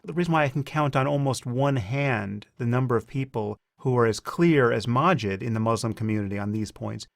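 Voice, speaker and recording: A man's voice: mid-range voice, vocal fry, no echo, clean studio sound. A man hosting a podcast interview who argues back and interrupts, often repeating words as he restarts. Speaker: podcast host. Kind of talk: debate-style interview.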